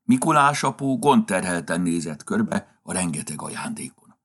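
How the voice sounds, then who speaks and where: A man narrating a children's story in an expressive, lilting manner. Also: low voice.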